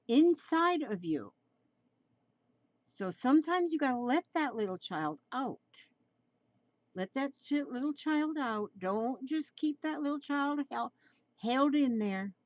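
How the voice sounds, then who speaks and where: Slow, rambling woman in her seventies. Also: medium pitch, no room sound, lo-fi sound. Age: 70s. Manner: rambling, repeats phrases, gently coaxing. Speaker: drawing tutorial host. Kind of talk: relaxed chatty drawing tutorial.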